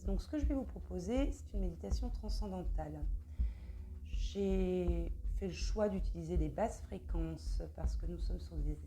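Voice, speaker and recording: A woman guiding a meditation, speaking softly and close to the ear. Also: fairly low pitch, moderate pace, slight background noise, rough recording. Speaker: meditation guide. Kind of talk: spoken introduction to a guided meditation.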